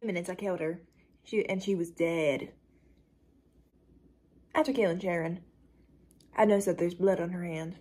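A woman's voice: on the low side, normal speed, pauses often, breathy edge. A woman voicing a callous young female cult member who brags coldly about violence, reading a dramatic script. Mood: gleeful. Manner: boastful, coldly matter-of-fact with bursts of excitement.

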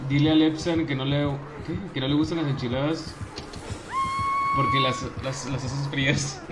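A man streaming a game, casually teasing his teammates and bursting into excited yells. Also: medium pitch, unhurried, music in the background. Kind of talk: casual live-stream commentary.

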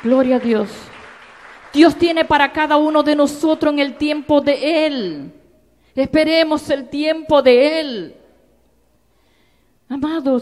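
A woman pastor preaching a sermon with personal testimony, moving between soft asides and loud exhortations. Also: high voice, big-room sound. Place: church sanctuary.

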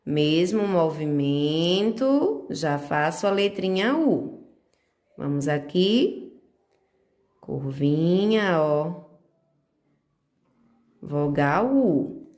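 A young Brazilian woman teaches a recorded handwriting lesson to preschoolers, her voice set a little low. She talks in a deliberately unhurried way, guiding each pen stroke step by step with gentle diminutives. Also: animated. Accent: Brazilian Portuguese.

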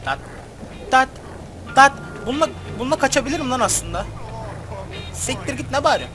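A man hosting a gaming channel, giving casual gameplay commentary, excitable and cursing at the game as he plays. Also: very high-pitched, fast talker. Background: game music.

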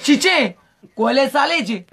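A man's voice: extremely high pitch, expressive, sharp tone. A man from Mehedinți in a street interview, rambling and repeating his pleas over and over. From Mehedinți, Romania. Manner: rambling, repetitive pleading.

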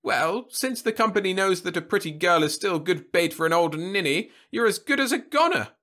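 A man voicing a haughty, sharp-tongued old woman scientist who talks in a scornful, snappish way. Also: high-pitched, huge pitch swings, normal speed, breathy edge, pitched above the performer's own voice, heavily acted. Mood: sarcastic.

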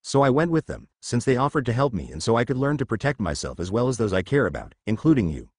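A man voicing a calm young male hero who speaks earnestly in a storybook reading. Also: medium pitch, fast, dry recording, clean studio sound.

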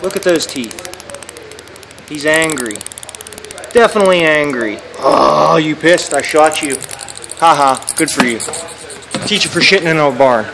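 Man, casual joking commentary, slightly high voice, handheld phone mic, big barn, faint hiss. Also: measured pace, long pauses. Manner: joking, laid-back, talks to the camera. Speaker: vlogger filming himself. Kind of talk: casual self-filmed commentary. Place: large indoor barn. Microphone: handheld phone camera.

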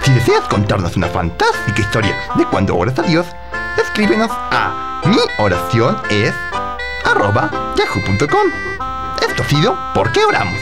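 A performer voicing a playful, excitable male puppet who hosts a children's show, in a theatrical, exclamatory way. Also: medium pitch, moderate pace, over loud music. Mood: playful, eager. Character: lively mustached male puppet, playful, pleading show host. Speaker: children's religious show host.

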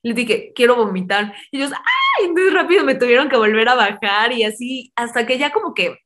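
Animated young Mexican woman telling a story. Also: fairly high pitch, fast talker. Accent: Mexican Spanish. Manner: animated, acts out quoted voices, fond of diminutives. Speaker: interview guest. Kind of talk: casual personal storytelling.

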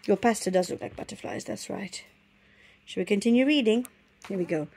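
A woman's voice: medium pitch, fairly quick, gravelly, darkish tone, slight background noise. A woman, a mother reading a picture book aloud to her child, chatty and often stopping to talk with them.

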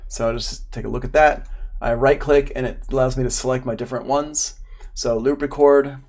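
A middle-aged man teaches audio production in an informal live online lesson from an indoor room at home. His mid-range, darkish voice is steady and moderately paced as he chats and thinks aloud while demonstrating.

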